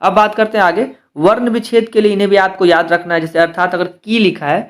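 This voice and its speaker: A man teaching a step-by-step grammar lesson for exam preparation. He slows down to spell out letters one by one and keeps asking rhetorical questions before he answers them. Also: sits high, steady tone.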